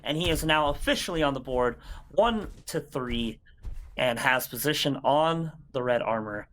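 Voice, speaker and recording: A man doing live esports play-by-play commentary, mixing punchy, excitable calls with analysis. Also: mid-range voice, moderate pace.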